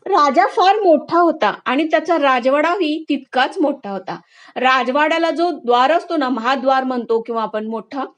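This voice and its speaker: A woman vlogger talking to her women friends, telling a moral story in a casual, conversational way. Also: high voice. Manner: warm, conversational, addresses listeners directly.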